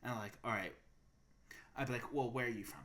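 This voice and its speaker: A man's voice: mid-range voice, a little fast, a bit bright, slight background noise. A young man co-hosting a podcast, chatting casually and thinking aloud with lots of fillers. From Massachusetts. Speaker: podcast co-host. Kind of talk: casual chat.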